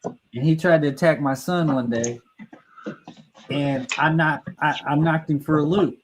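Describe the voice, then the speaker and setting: A man's voice: fairly high pitch, steady tone, measured pace, slight background noise, rough recording. A middle-aged man with a slightly raised voice tells a long, crude story among friends. He rambles, trips over his words and keeps laughing at his own punchlines. The talk is loose and full of cursing. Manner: restarts and stumbles mid-sentence. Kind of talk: casual profane storytelling.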